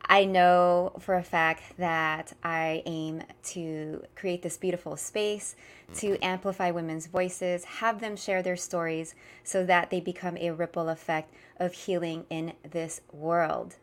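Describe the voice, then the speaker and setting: A woman's voice: lowish voice, flat delivery, slow. A woman hosting an interview podcast, effusive and emphatic as she introduces and questions her guest. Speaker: podcast host.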